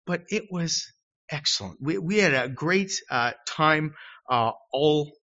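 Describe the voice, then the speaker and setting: A middle-aged man preaching a sermon in church, animated and self-deprecating, acting out shouted quotes. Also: a little high, slow. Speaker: pastor. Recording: dull lo-fi recording.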